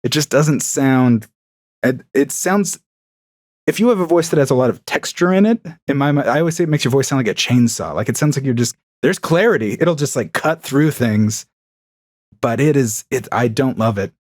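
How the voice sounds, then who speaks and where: A man with a mid-range, expressive, slightly mellow voice talks at a normal speed as a podcast guest, chatting casually and enthusiastically with frequent fillers. He records from a home room fitted with acoustic paneling, and the sound is clean and studio-like with no room sound.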